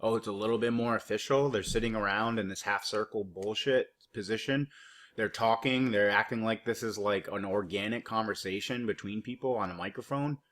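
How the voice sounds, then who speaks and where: A man's voice: lowish voice, steady tone, fairly quick, a bit bright. Sarcastic swearing man ranting over clips. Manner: mocking, loose and rambling, lots of fillers. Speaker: video commentator reacting to news clips. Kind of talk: profane sarcastic reaction commentary.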